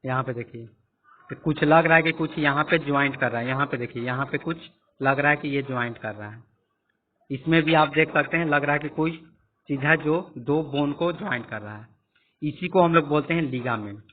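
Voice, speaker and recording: A man teaching a class lecture, explaining each point slowly and repeating questions to the students. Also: on the high side. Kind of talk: classroom lecture with screen annotation. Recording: tinny phone-like audio.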